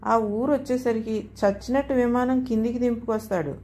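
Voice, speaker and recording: A woman's voice: a little high, fairly even intonation, a little fast, mellow, voice pushed up, natural voice. Woman voicing a fussy old mother-in-law. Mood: pleading. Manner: chiding, pleading, easily confused. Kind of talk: storybook dialogue.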